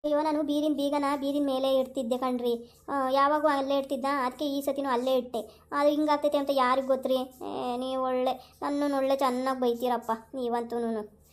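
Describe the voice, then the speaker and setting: A young village wife, played by a woman who pleads and defends herself. Her voice is high and sits fairly level. She answers every accusation in a steady way. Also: brisk, lightly acted. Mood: defensive. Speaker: actress. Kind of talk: village family drama.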